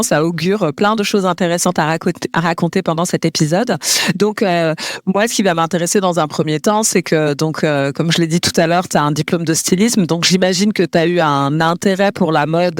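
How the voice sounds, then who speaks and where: A woman's voice: on the low side, no room sound, clean studio sound. A woman hosting an interview, asking long, friendly questions full of fillers. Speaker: interview host.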